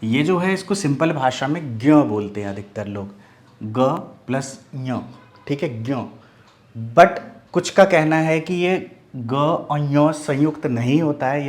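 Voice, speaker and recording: A man from India's Mithila region, with a mid-range, darkish voice, teaches Hindi pronunciation in an online video lesson. He explains step by step, often asks "do you follow?" and repeats "ठीक है", saying example sounds and words slowly and more than once.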